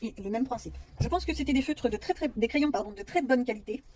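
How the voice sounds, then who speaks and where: A woman's voice: a little high, animated, fast, darkish tone, slight background noise. A woman vlogger chatting casually about her coloring books, self-mocking and rambling with fillers.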